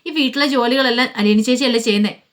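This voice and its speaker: A lively teenage girl, outspoken and quick to protest, pipes up in a told family story, as a woman storyteller puts her on. Her voice rises higher than the storyteller's own and stays eager. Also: natural voice.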